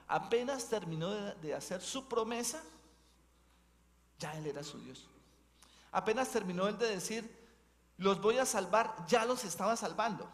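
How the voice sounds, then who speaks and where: A man from Colombia, a bishop preaching an Advent mission sermon. He tells stories as he preaches and keeps tagging his sentences with questions to the congregation. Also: fairly high pitch. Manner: storytelling preacher, leans on tag questions. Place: church. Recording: long church reverb.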